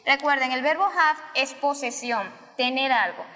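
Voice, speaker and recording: A woman from Venezuela, a Spanish-speaking English teacher, explaining grammar step by step in a recorded lesson and repeating key forms slowly. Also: high voice, lively intonation, bright, forceful tone. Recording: long reverb, roomy sound.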